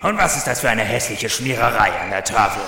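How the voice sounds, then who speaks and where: An irate, pompous schoolmaster in an audio drama. The gravelly voice is on the low side and rises and falls sharply as it scolds. It rings in an echoey, noisy space. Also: male voice, expressive, brisk. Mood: irate, scolding. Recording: echoey, noisy scene with insect ambience.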